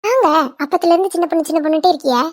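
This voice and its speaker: A woman's voice: very high-pitched, very fast, a little mellow. A woman playing a cheeky young daughter-in-law. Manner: playful, teasing, cheeky. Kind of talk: cartoon voice acting.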